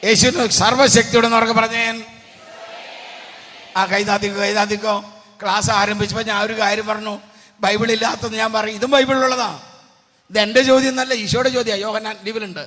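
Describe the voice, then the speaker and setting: High-voiced preacher quizzing his flock. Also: flat delivery, fast, pushed and bright. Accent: Kerala Malayalam. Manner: exhorting, quizzing the congregation. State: strained, fading voice. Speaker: retreat preacher. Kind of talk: retreat sermon with call-and-response. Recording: hall reverb.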